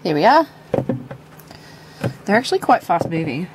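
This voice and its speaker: A woman chats casually in a sing-song, fairly low voice at a moderate pace, sounding stuffy and nasal from a cold. Beside a terrarium at home, she handles her pets and explains them to a handheld camera in a show-and-tell vlog. There's background noise.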